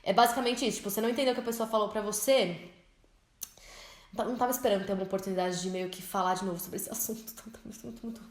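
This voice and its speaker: A young Brazilian woman with a Brazilian Portuguese accent, teaching English in a chatty, expressive vlog style and slowing down to spell words out. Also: mid-range voice. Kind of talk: casual vlog-style lesson. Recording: echoey room.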